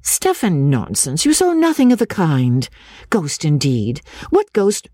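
A reader voicing a brisk, forthright, good-humoured gentlewoman in a storybook. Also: mid-range voice, huge pitch swings, no echo, pitched above the performer's own voice. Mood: scolding. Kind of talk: audiobook character voice.

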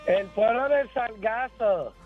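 A Puerto Rican man calling in, playing a campy pageant contestant with a slow, drawn-out delivery. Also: high voice, over music. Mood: campy proud. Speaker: caller. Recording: thin phone line.

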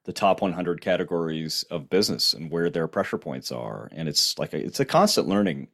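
Male host with a lowish voice, playful interviewer who restarts his sentences a lot. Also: animated, a little fast, vocal fry. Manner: playful, with frequent restarts and fillers. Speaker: podcast host. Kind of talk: conversational interview.

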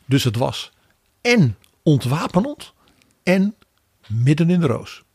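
Gravelly, raspy man. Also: fairly high pitch, slow, no room sound, clean studio sound. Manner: animated, wry commentary with quoted asides. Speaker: podcast co-host. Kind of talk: political analysis chat.

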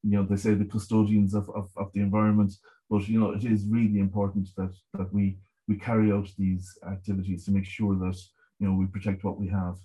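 A middle-aged man with a west of Ireland accent explaining his work in a conversational interview, measured and often repeating words as he goes. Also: fairly low pitch, completely flat delivery, warm tone, poor audio. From Galway, west of Ireland. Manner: measured, hesitant repetition of words, frequent 'you know'. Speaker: marine scientist guest.

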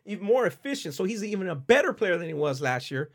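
A man co-hosting a casual sports podcast, slightly coughing, giving animated opinions between quick affirmations. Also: sits high. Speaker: podcast co-host.

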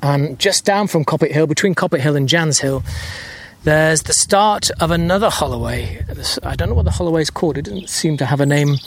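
A man's voice: on the high side, a little fast, a little hiss or hum. A man, a storyteller narrating outdoors as he walks, musing and hesitant, a little out of breath. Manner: musing, hesitant with many fillers. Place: outdoors on a countryside hill.

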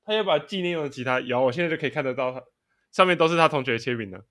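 A man's voice: mid-range voice, animated, rapid-fire, a bit bright. A young man, co-hosting a casual podcast and telling stories while laughing often. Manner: storytelling, laughing often mid-sentence. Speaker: podcast co-host. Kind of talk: casual chat.

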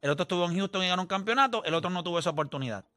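A man's voice: high voice, expressive, rapid-fire, bright, forceful tone. A man, co-hosting a heated sports debate, teasing and talking over the others. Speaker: podcast co-host.

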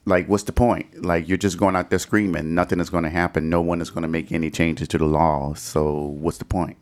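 A middle-aged American man from Detroit hosts a conversational podcast, asking questions throughout the discussion. His voice is low-pitched with little pitch movement, and he speaks briskly.

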